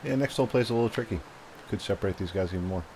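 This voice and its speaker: A man's voice: lowish voice, very fast, a little mellow, a little hiss or hum, low-quality recording. A man giving casual, plain-spoken commentary on a disc golf course, explaining how it plays.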